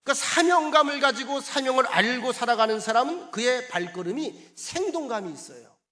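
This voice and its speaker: High, bright-voiced male pastor preaching. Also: expressive, brisk. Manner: emphatic, calls for congregation responses; acts out quoted voices in conversational asides. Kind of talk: sermon.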